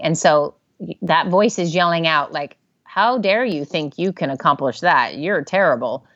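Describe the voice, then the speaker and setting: Woman therapist guest, lowish voice, animated and chatty, dull dry sound. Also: no room sound. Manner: animated, acts out inner voices in quotes. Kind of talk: casual interview talk.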